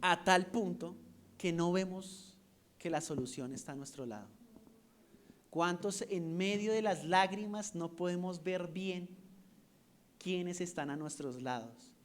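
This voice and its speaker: High-pitched male preacher delivering a sermon with questions to the flock. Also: unhurried. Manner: rhetorical questions, swings from loud to hushed.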